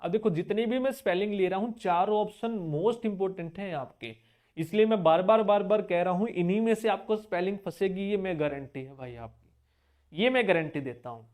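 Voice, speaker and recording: A man teaching an exam-prep spelling lesson, who spells words out letter by letter, repeats the key points and coaxes his students with quick check-back questions. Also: high-pitched, a little mellow.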